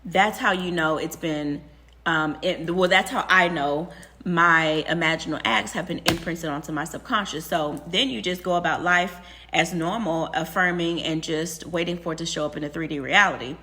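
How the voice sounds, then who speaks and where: Hushed, bright-voiced young woman. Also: deep voice, moderate pace. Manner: hushed half-whisper. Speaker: vlogger. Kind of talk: casual spoken advice. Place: empty classroom.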